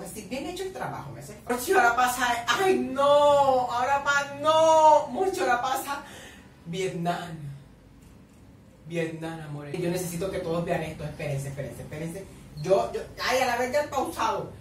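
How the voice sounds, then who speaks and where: A reaction vlogger who covers a series delivers shrieky, dramatic commentary, forever calling his viewers by a pet name. His voice sits high with a little hiss or hum, picked up by a distant camera mic in an echoey room.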